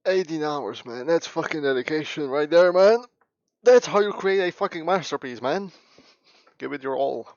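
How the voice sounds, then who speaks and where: A man's voice: a little high, normal speed, a little mellow, no echo. A male streamer giving casual, sweary, emphatic and repetitive reactions to a video. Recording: dull, dry lo-fi stream mic.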